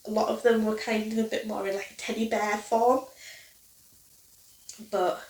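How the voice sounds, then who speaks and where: A crochet vlogger in her twenties chats casually to camera in her living room, her nasal voice sounding blocked and peppered with ums. Her pitch is a little high with little movement, her pace moderate and tone darkish. The camera mic sits a few feet off, giving a distant, roomy sound.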